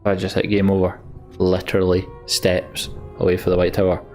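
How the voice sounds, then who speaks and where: A let's play host commentates on a video game in a low, monotone, somewhat dark voice at a moderate pace. He reads the game's text aloud and adds dry, resigned remarks while music plays behind him.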